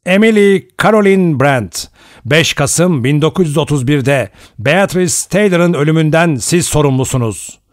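Male narrator as a solemn accusing voice in a storybook, slow, formal, commanding. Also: fairly high pitch, dry recording, clean studio sound, pitched above the performer's own voice. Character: stern, solemn male voice from a recording.

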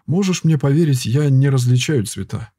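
A man voicing a weary, gentle old herbalist. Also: medium pitch, lively intonation, normal speed, slightly rough, no room sound, clean studio sound. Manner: soft, patient, sighing. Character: weary male herbalist, former warrior, calm and gentle. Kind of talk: audiobook character reading.

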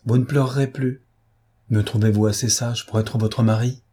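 Platon, a man doing a gentle teasing suitor. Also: mid-range voice, steady tone, moderate pace, slightly rough, natural voice. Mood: tender teasing. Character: calm, gentle young suitor, teasing and sure. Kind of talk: audiobook character reading.

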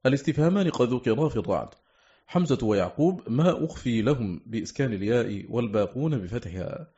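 A man's voice: mid-range voice, animated, fast talker, warm tone. A man reading a scholarly text aloud for an audiobook, steadily and methodically listing one item after another. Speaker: audiobook reader. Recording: dull lo-fi recording.

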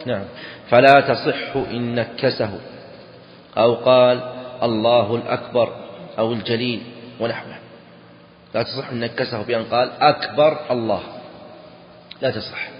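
A man teaching Islamic law in a lesson, deliberate and explanatory, often repeating key phrases. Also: medium pitch, fairly even intonation, slight background noise. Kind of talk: explaining a read text in a lesson. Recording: dull echoey hall recording.

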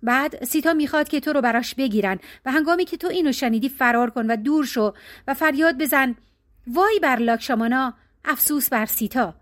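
A proud, menacing male demon king , played by a woman narrator, barks orders and threats in an audiobook tale. He is domineering and sure of his power, with a slightly raised pitch. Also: lightly acted. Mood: commanding. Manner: commanding, menacing.

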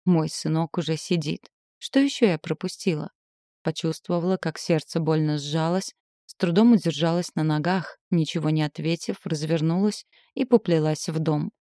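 Low-voiced woman narrating an audiobook. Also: fairly even intonation, moderate pace, warm tone, no echo, studio quality. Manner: emotional, dramatic reading. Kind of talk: scripted first-person narration.

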